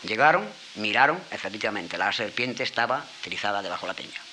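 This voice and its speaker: A man telling a folk tale aloud in a casual, spontaneous way, restarting words now and then. His voice is bright and his melody is very lively. A faint hiss sits under the recording. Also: lowish voice, a little fast, poor audio. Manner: animated, with sound effects and restarts. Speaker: storyteller.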